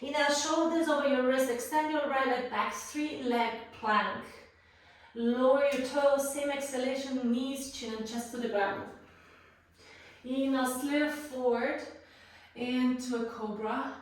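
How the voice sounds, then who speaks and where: A woman teaching a guided yoga class, calmly cueing breaths and poses, a little out of breath from moving while she talks. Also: high-pitched, measured pace. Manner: calm cueing of breath and poses, playful asides. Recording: roomy echo, voice far from the mic.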